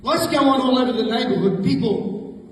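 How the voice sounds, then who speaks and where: A middle-aged Australian man giving a fiery, fast rally speech with stammering restarts. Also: extremely high pitch, a little hiss or hum. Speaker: rally speaker. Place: large hall, heard from afar. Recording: echoey hall from far off.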